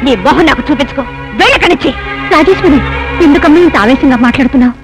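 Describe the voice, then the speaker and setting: A woman's voice: high voice, fast talker, poor audio. A woman playing a proud unmarried elder sister in a dubbed film drama, speaking sternly and indignantly, then pleading through tears. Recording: film soundtrack with loud music.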